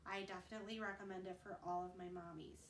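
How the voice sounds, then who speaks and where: A young woman, a mother of twins, talking fast and earnestly to camera in a casual advice vlog. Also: lowish voice, fairly even intonation, slight background noise. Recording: roomy, slightly distant mic.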